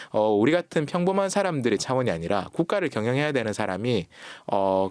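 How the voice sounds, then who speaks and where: A man speaking as an author guest on a radio talk show. He explains at length and acts out quoted lines with lively voices. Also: mid-range voice, no room sound, studio quality. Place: radio studio. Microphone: studio microphone.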